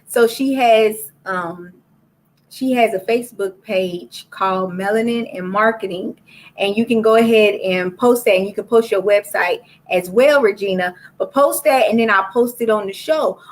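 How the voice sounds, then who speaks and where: A woman's voice: medium pitch, measured pace. A woman hosting a live-streamed book club, talking straight to her viewers in a chatty way. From Florida. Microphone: laptop or phone for a live stream.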